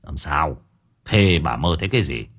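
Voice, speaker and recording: A man voicing a gruff, irritable older village husband who snaps curtly in an audio story. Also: rumbling low, lively intonation, moderate pace, fairly bright tone, pitched below the performer's own voice, exaggerated voice. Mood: gruff irritated. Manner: curt, snapping.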